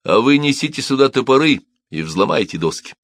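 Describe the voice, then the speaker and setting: A man's voice: mid-range voice, sing-song, a little fast, a bit bright, dry recording, clean studio sound, voice pushed up. A man playing a stern, curt officer. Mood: commanding. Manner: curt, giving orders. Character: stern commanding male military officer.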